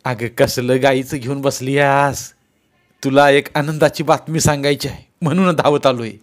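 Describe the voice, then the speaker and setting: A man's voice: medium pitch, steady tone, moderate pace, soft background music, voice pushed up, natural voice. A man voicing an eager young village husband with a rural Marathi accent.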